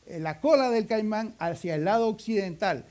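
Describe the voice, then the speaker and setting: A Cuban man delivers a sermon in a folksy storytelling style, slipping in humorous asides. His voice sits on the higher side for a man. He keeps a conversational, anecdotal manner throughout. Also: animated, moderate pace, darkish tone. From Cuba. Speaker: preacher.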